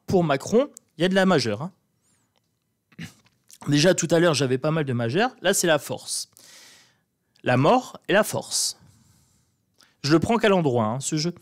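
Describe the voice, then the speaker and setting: A man with a northern French accent doing a casual, irreverent tarot reading to camera and mocking as he talks. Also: fairly high pitch. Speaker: tarot card reader.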